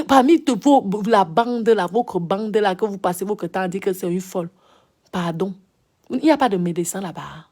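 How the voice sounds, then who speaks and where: A woman's voice: mid-range voice, darkish tone. Woman, Cameroonian French accent, impassioned scolding monologue, repetitive, rhetorical questions. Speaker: social media commentator. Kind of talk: impassioned live-video monologue.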